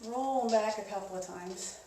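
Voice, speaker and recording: A woman instructing an indoor spin class in a casual, conversational coaching style, giving gently encouraging cues. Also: mid-range voice, normal speed. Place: indoors, echoey room. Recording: echoey room, distant mic, clear noise.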